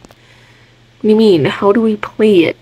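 A woman giving casual, excitable commentary on a game she is playing, chatty and often restarting her words. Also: mid-range voice, unhurried, husky, rough recording. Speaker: gaming video creator.

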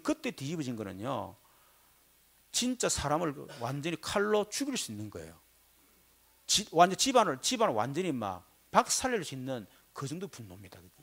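Male pastor, slightly high voice, very expressive sermon delivery with loud bursts and quiet asides. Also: husky. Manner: animated storytelling, swinging between loud outbursts and low asides. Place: church sanctuary.

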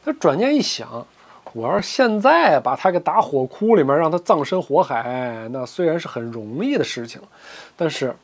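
A man's voice: on the high side, sing-song, moderate pace. A man telling a long martial arts tale in traditional storytelling style, dramatic and colloquial, with vivid asides.

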